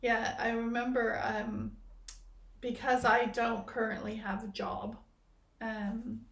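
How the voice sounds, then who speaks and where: A woman's voice: fairly high pitch, little pitch movement, slow, vocal fry, fairly bright tone. A woman hosting a podcast, musing in reflective spiritual chat and playing on the meanings of words. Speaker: podcast host. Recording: echoey room.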